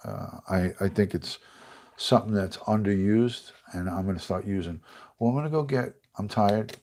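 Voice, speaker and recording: A middle-aged retired detective from the US chats casually on a livestream, rambling and reading viewer comments aloud. His male voice is lowish, dark in tone, and congested and stuffy. A little hiss or hum sits in the background.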